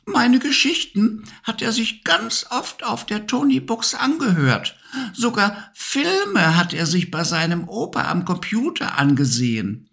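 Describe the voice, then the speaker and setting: A man voicing a cheerful, chatty little female bee with a high, lively voice. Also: unhurried, gravelly, full character voice. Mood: eager.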